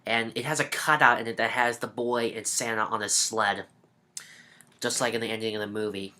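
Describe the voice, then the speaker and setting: Bright-voiced young man chatting a review. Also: fairly low pitch, fairly even intonation, fairly quick. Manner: chatty and rambling, fond of the film. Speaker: video reviewer. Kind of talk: casual DVD review.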